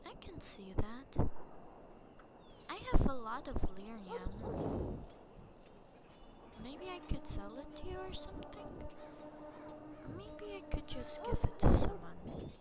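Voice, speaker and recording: A woman's voice: high-pitched, sing-song, slow pace, long pauses, heavy background noise. Chatty young woman gamer. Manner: chatty, reading choices aloud, sometimes whispering. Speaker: let's play gamer. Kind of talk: casual game commentary. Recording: voice over loud game music.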